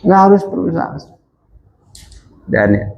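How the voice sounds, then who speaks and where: A male ustadz giving a mosque sermon in a conversational way, calling the men Pak and reciting Arabic texts slowly. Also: big pitch swings, vocal fry, lo-fi sound. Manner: wide swings in pitch and volume.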